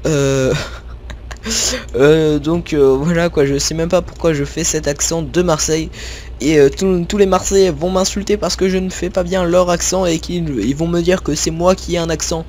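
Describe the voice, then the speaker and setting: This gaming video creator, a young northern French man, speaks at a fairly high pitch with a steady, somewhat dark tone and moderate pace. Chatting to viewers about his gameplay, he wanders through fillers and self-corrections. Faint game audio of tractors and farm ambience plays, along with a little hiss or hum.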